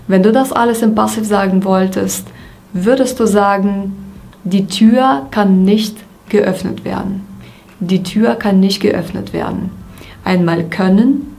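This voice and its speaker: A woman teaching a German grammar lesson, saying example sentences slowly and repeating each one. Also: medium pitch, gravelly, darkish tone. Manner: slow, deliberate example sentences, repeated twice.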